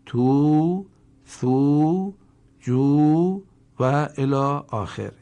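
A man teaching Quran reading in a recorded lesson. He explains briskly, then chants the example words slowly and drawn out, and asks listeners to repeat after him. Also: mid-range voice, creaky, a little mellow.

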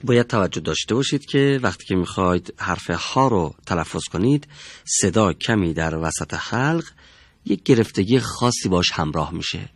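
A man teaching the pronunciation of Quranic letters in a studio, demonstrating sounds slowly and carefully. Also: low-pitched, animated, husky, no room sound.

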